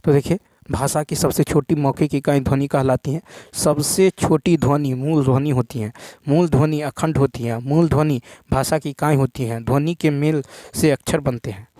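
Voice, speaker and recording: A man's voice: medium pitch, fairly even intonation, normal speed, dark tone, no echo. A man teaching an exam-prep lesson, working through practice questions and repeating "thik hai" as he goes. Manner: repetitive, says "thik hai" often.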